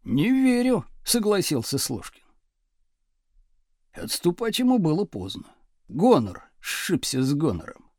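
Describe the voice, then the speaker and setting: Casting: male audiobook narrator, expressive, high voice with wide swings, dry close recording. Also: unhurried, long pauses, husky, no echo.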